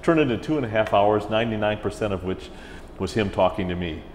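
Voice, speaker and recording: A middle-aged man, a music director in an interview, telling stories in a chatty, animated way. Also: fairly low pitch, fast. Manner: chatty, animated, slips into mimicked voices. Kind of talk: casual interview storytelling. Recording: roomy hall echo with faint ambient hiss.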